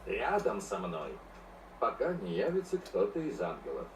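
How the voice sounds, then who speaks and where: A man acting in a video game as a wisecracking, talkative cop full of sarcastic, excitable banter. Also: deep voice, normal speed, a little hiss or hum. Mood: wry banter. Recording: echoey, distant sound with game music behind.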